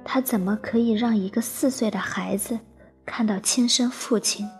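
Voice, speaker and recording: A woman narrating an emotional first-person story in a soft, half-whispered voice over faint background music. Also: fairly high pitch, steady tone, normal speed, slightly rough.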